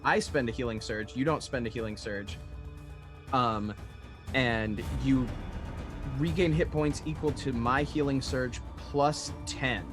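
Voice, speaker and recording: A man's voice: medium pitch, measured pace. Hesitant male tabletop player. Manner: hesitant, thinking aloud. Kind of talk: casual game chat. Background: music.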